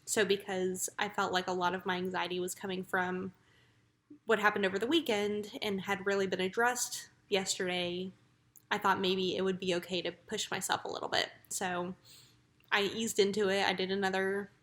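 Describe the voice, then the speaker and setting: A woman's voice: mid-range voice, level tone, moderate pace, fairly bright tone. A woman talking casually in a personal vlog, in a matter-of-fact, reflective way. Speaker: vlogger.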